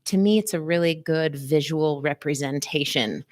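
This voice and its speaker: A woman's voice: low voice, normal speed. A woman hosting a live wellness stream, talking straight to her viewers with playful wordplay and a sing-song, chatty manner.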